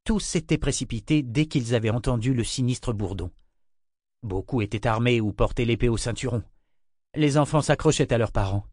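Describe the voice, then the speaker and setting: Man calmly narrating an audiobook. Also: medium pitch, dry recording, clean studio sound. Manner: even, measured reading. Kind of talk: scripted narration.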